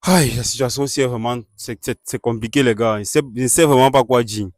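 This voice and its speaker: A man hosts a staged street-interview skit at a middle pitch, putting questions to a couple. He keeps repeating calming phrases to settle a heated guest. The voice sounds dry and close. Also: fairly quick, no room sound.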